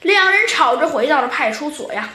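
A woman narrating a children's storybook in an expressive, sing-song way, drawing out her sentence particles. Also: high-pitched, fairly quick. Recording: echoey room with faint music.

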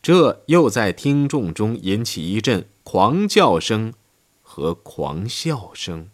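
In a low, slow voice, a man narrates a history audiobook with steady, scripted delivery. His pitch swings widely up and down, rising higher on quoted lines.

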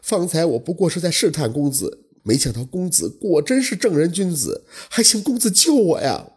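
A wronged young ghost woman, her voice lifted higher and hushed as she pleads through tears, as a male storyteller puts her on. The tone is breathy and husky throughout. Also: expressive, normal speed. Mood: tearful. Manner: pleading, sorrowful.

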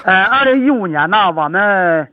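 A man's voice: high-pitched, lively intonation, moderate pace. A middle-aged man with a Chaoyang, Liaoning accent and thick-tongued, slightly slurred speech, answering an interview in a plain, folksy way. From rural Chaoyang, Liaoning, northeast China. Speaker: farmer and amateur village performer, interview guest. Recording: dull radio-like sound, faint crowd.

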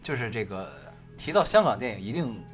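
A man's voice: mid-range voice, big pitch swings, a little fast. A young man, co-hosting a podcast in casual chat about films. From mainland China. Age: young adult. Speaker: podcast co-host. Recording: guitar music behind the talk. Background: guitar music.

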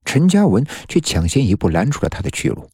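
A man's voice: mid-range voice, very animated, a little fast, a little mellow, husky, no echo, clean studio sound. A man narrating a suspenseful story in a tense storytelling manner. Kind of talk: dramatic story reading. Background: faint music.

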